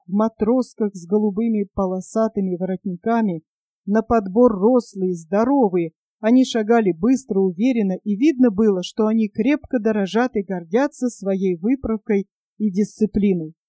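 A woman narrating a children's story in an expressive, measured audiobook reading. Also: mid-range voice, no room sound.

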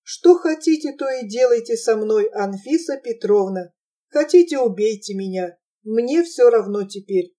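A woman's voice: fairly high pitch, expressive, unhurried, warm tone. A woman voicing a gloomy, ruined man who speaks in a dull, hollow voice and sounds despairing.

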